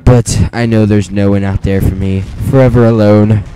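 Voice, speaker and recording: A man's voice: fairly low pitch, flat delivery, normal speed, warm tone, slight background noise, low-quality recording. A teenage boy rambling through casual gameplay commentary, self-deprecating, with many fillers and restarts, speaking close to a weak microphone. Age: teens. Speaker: let's play commentator. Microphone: weak mic at close range.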